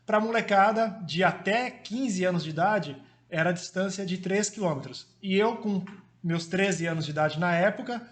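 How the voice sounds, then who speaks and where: A man's voice: high-pitched, normal speed. A man in his forties from Brazil, a former marathon runner telling his story as a guest in a friendly, casual way, with fillers. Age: 40s.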